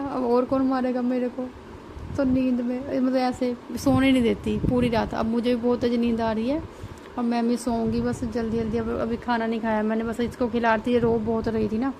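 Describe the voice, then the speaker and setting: A woman speaking with a tinge, chatting at length in a casual home vlog about her baby, with lots of fillers. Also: on the high side. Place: at home, indoors. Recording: noisy home recording.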